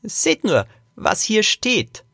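A man voicing a gruff, secretive old great-grandfather in a high, cackling voice for a children's audio story. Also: huge pitch swings, takes it slowly, bright, forceful tone, no room sound, clean studio sound, exaggerated voice. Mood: mysterious. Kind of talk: audiobook character voice.

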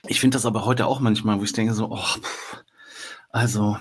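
A man in his forties hosting a relaxed podcast interview, talking with many fillers, restarts and small laughs. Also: fairly low pitch, normal speed, slightly rough. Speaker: podcast host. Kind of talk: casual interview chat.

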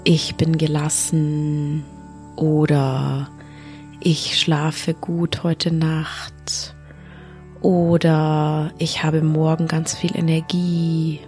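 A woman guides a sleep meditation in a soft, unhurried voice that often drops to a half-whisper. Her voice sits a little low and has a gravelly fry. Faint music plays behind her. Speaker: podcast host, yoga teacher and mindfulness coach.

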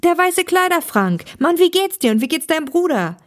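A woman reading the part of an eager young male podcaster who solves riddles with excitement. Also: fairly high pitch, normal speed. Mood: excited.

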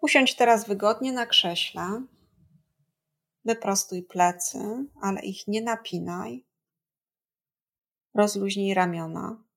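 A woman guiding a body scan meditation in a gentle, calm, soothing and measured way, leaving long pauses. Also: mid-range voice, vocal fry. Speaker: meditation guide.

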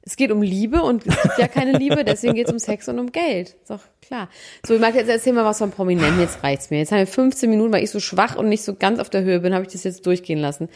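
A woman's voice: medium pitch, quick pace, darkish tone. A woman hosting a podcast in casual chat, teasing and prodding her co-host. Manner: teasing, prods the guest.

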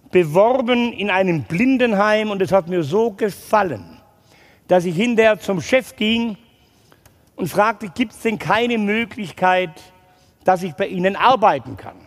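A middle-aged Swabian man giving a slow testimony to an audience, acting out the people in his story. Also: high voice, long reverb tail. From Swabia, Germany. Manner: slow storytelling, acts out quotes in dialogue. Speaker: lay preacher telling his life story.

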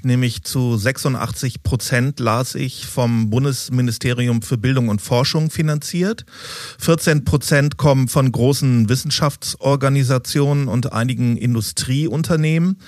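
A man's voice: medium pitch, dry recording, clean studio sound. A man hosting a podcast interview, asking prepared questions in a composed, scripted way.

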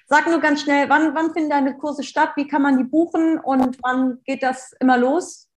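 A woman's voice: high voice, fairly even intonation, normal speed. Woman podcast host, chatty. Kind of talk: interview and podcast outro.

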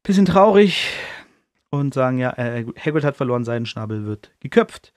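A man's voice: mid-range voice, big pitch swings, moderate pace, dry recording. A man hosting a podcast, retelling a book chapter casually in a chatty, slangy way with some swearing. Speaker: podcast host.

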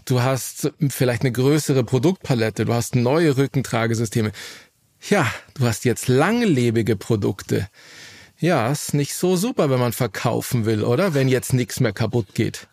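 A man's voice: medium pitch, expressive, unhurried, darkish tone, no room sound. A man interviewing informally, feeling his way through his questions. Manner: informal, searching for words.

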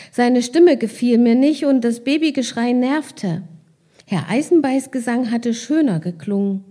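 A woman reading her own novel in calm, measured first-person narration, with casual asides in between. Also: fairly high pitch.

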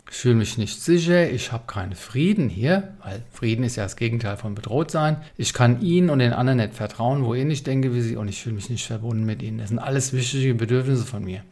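A man's voice: mid-range voice, darkish tone. A middle-aged man, hosting a satirical podcast monologue in an ironic, lecturing, mock-earnest way. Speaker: podcast host.

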